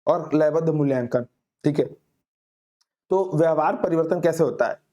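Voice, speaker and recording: A man teaching an exam-prep class, explaining answers with homely examples and reading questions out slowly. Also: fairly high pitch, warm tone, lo-fi sound. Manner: reads English questions out very slowly, then explains with everyday examples. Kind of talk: Hindi lecture solving exam questions.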